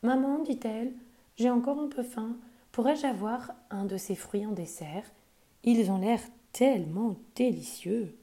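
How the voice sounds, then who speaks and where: Brief: woman doing a greedy little girl, high and pleading, warm storybook tone. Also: a little slow, natural voice.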